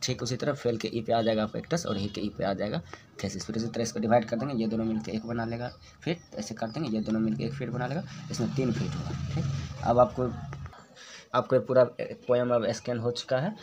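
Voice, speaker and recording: A man at an ordinary middle pitch teaching a lesson in a patient, methodical way. He goes point by point and says words over and over to model how they sound. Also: a little fast, noisy background. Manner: patient, step-by-step, repeats words to show pronunciation. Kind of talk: classroom lesson explanation.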